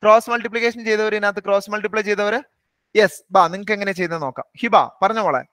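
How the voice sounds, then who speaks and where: A man teaching a live online maths class, briskly quizzing and coaxing students by name. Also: high-pitched, fairly bright tone, clear, resonant tone, no echo.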